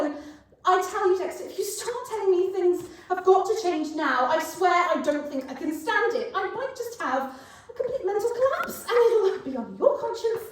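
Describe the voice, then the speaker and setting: A woman acts a devoted, highly strung bride-to-be with a high voice. She is effusive and emphatic, in a stage reading. The sound is distant and very echoey. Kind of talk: staged rehearsed reading of a comedy drama. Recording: very echoey room, distant microphone.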